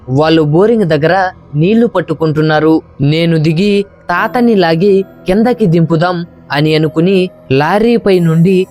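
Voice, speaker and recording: A man narrating a horror story in the first person, in a steady storytelling voice. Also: a little high.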